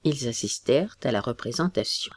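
A narrator giving a measured storybook reading of a classic tale. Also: medium pitch, lively intonation, no echo.

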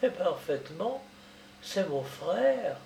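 Man reading as a grieving young daughter, quiet, dark mellow tone, roomy distant sound. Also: high voice, sing-song, slow, creaky, a little hiss or hum, exaggerated voice. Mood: subdued.

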